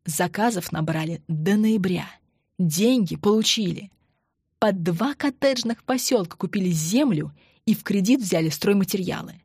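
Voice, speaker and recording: A woman narrating an audiobook in a measured, matter-of-fact way. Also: mid-range voice, darkish tone, husky, no echo, clean studio sound. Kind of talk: scripted narration.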